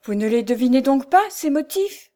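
A woman's voice: fairly high pitch, fairly even intonation, moderate pace, a little mellow, close to an everyday voice. A woman reading aloud, voicing a distraught young wife who speaks with trembling, bitter reproach. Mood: anguished.

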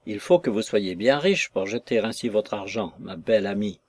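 A male reader playing an older lawyer who stays calm, measured and unmoved. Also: on the low side, no echo. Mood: cold calm.

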